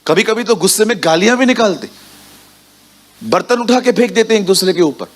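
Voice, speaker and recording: A male preacher gives a sermon to a church congregation, his voice sitting a little higher than most men's. He is lively and engaged, and he keeps turning to the listeners with direct questions as he speaks. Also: fairly quick.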